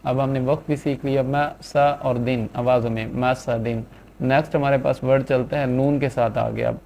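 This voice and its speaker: Man slowly spelling out syllables. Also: medium pitch, steady tone, vocal fry, a little mellow, slight background noise. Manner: drawn-out syllables between quick asides. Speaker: Quran reading tutor. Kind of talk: slow spelled-out recitation lesson. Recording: dull lo-fi sound.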